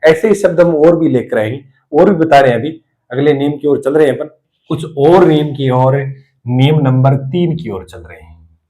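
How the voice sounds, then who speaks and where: Guy with rajasthani hindi accent teaching spelling, bit high voice, keeps repeating words and quizzing himself. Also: moderate pace, mellow. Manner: repeats each word, asks and answers himself. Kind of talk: spelling lesson at a board.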